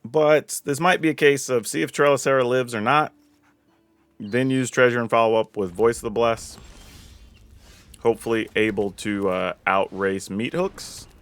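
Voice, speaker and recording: A man from the American South commenting casually on his own card game, thinking aloud and getting excited over big plays. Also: medium pitch, moderate pace, dry recording. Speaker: gameplay commentator.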